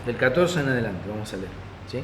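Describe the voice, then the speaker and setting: A man's voice: medium pitch, expressive, fairly quick. A pastor with a Rioplatense Spanish accent teaching a Bible study in a conversational way, often checking in with his listeners. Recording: echoey hall, faint ambient noise.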